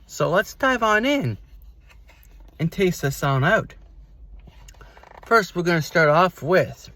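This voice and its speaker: A man hosting a casual taste-test review vlog, speaking to camera in short, halting phrases. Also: high-pitched, sing-song, pushed and bright.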